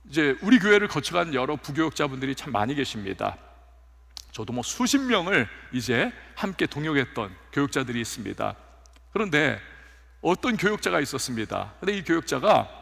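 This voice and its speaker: A male pastor preaching a sermon in a church, telling stories with lively acted-out quotes. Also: on the high side, gravelly. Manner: animated storytelling with acted quotes. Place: church sanctuary. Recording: long hall reverb.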